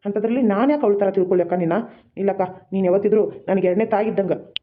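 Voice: mid-range voice, narrow, tinny audio, natural voice. Someone voicing a hot-headed young brother. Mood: affectionate. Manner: exasperated, blunt, quick-talking. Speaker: cartoon voice actor. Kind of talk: homemade cartoon drama dialogue.

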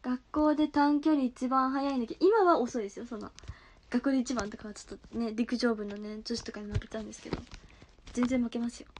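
A woman's voice: on the high side, fairly even intonation, quick pace, a little hiss or hum. A young woman streaming live from home, chatting casually and giggling as she reacts to viewer comments on her phone.

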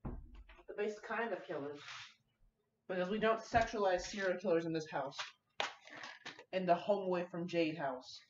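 A young woman hosts a fan fiction reading channel, rambling casually to her viewers in an irreverent, foul-mouthed, self-mocking way. Her voice is lowish and unhurried with long pauses, and the recording is muffled over a noisy background.

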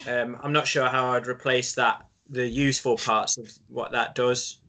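A man's voice: medium pitch, flat delivery, normal speed, sharp tone. A man who is a secondary school teacher, talking as a guest in a casual conversation, thoughtful and self-deprecating, repeating words as he thinks.

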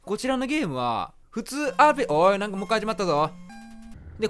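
A man with a Kansai accent playing a game, narrating the story and joking at the screen as he plays. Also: high voice. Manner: playful, reacts aloud and jokes at the screen. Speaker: game streamer. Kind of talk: let's play commentary with storybook narration.

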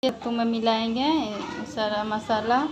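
A woman's voice: fairly high pitch, level tone, unhurried, a crowd in the background. A woman, chatting casually in a home vlog, speaking into a phone held at arm's length. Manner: chatty, talks to her children between remarks. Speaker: vlogger. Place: home kitchen and bedrooms, indoors.

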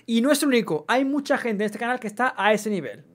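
A man's voice: very high-pitched, lively intonation, fast. Chatty streamer man. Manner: chatty, swears casually, reads chat aloud. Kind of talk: casual live gameplay chat.

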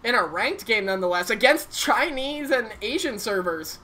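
A woman streamer giving casual live commentary while gaming, chatty, excitable and swearing freely. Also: a little high, normal speed, slight background noise. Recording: game sounds clearly behind voice.

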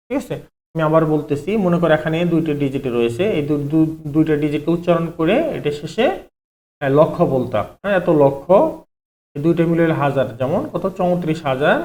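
Fairly quick and a little high, with a darkish tone, a man walks students through an online math lesson one step at a time. He answers his own questions and returns again and again to "ঠিক আছে".

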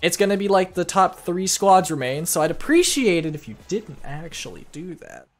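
A young man streams a game and talks with his viewers in a playful, animated way, hums little tunes and reads chat aloud. His voice sits a little high for a man and swings widely in pitch. Faint music plays behind him. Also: moderate pace. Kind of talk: live gameplay commentary.

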